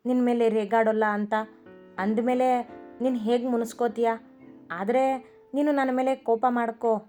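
A devoted young husband begs forgiveness in a low, warm murmur, voiced by a woman narrating the story. His pleading stays even and unhurried in tone, with little rise and fall. Faint instrumental music sits beneath the storybook reading. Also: natural voice. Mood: teasing tender. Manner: pleading, affectionate, apologetic. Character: loving young husband, tender and remorseful.

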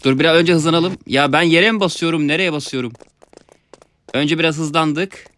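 A young man giving excited let's-play commentary, talking to his viewers and yelping at his mishaps. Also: on the high side, moderate pace. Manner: excitable, yelps and laughs at mishaps, talks to viewers. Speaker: gaming YouTuber.

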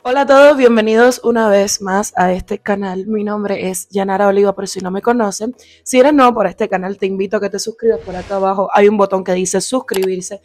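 A young woman from Cuba with a Cuban Spanish accent, slightly hoarse, chatting animatedly through a storytime vlog into a small handheld mic in a small home room. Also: mid-range voice, a little fast, no echo. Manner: chatty, animated, lots of fillers and asides. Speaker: vlogger. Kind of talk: casual storytime. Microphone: handheld lavalier mic near mouth.

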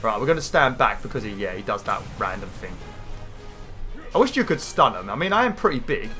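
A man's voice: on the low side, very animated, brisk, pushed and bright, soft background music. Nasal British man, pinched-nose gaming commentary. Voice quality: nasal, like holding his nose. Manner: informal, rambling, sweary. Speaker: gaming video host. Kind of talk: casual gameplay commentary.

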